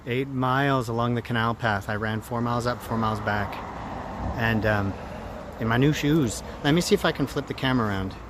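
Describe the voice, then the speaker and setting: A man talking casually and reflectively to a handheld phone in a rambling vlog, in halting phrases. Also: mid-range voice. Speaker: running vlogger. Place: outdoors after a run. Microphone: handheld phone camera at arm's length. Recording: outdoor noise, traffic ambience.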